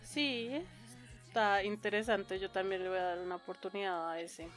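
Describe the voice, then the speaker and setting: A woman's voice: medium pitch, steady tone, normal speed, faint music behind. A young woman, chatting casually as a podcast co-host in a playful, giggly manner. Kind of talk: casual chat about anime.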